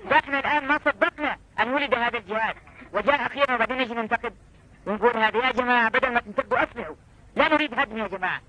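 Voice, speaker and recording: A man's voice: very high-pitched, rapid-fire, pushed and bright, poor audio. A man preaching fervently to an audience, pressing them with rhetorical questions.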